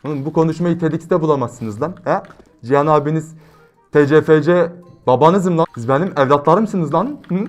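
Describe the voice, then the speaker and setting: A young man commentating his gameplay, brash and slangy, switching between loud outbursts and quiet, reflective motivational talk. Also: on the high side, normal speed, soft background music. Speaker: gaming YouTuber.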